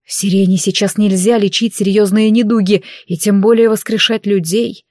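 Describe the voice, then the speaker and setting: A woman voicing a stern male superior mage who answers in quick, curt replies. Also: mid-range voice, fairly even intonation, warm tone, no room sound, clean studio sound, lightly acted.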